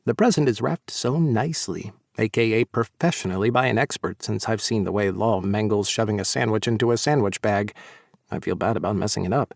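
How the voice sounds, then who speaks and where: A man narrating a first-person romance audiobook in a warm, light storytelling delivery. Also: fairly low pitch, a little fast, gravelly, dry recording, clean studio sound.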